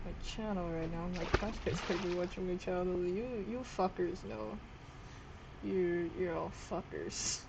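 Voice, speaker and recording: A woman's voice: lowish voice, lo-fi sound. A sleep-deprived woman vlogging in a casual, rambling way, swearing often and jumping from topic to topic. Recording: noisy background hiss.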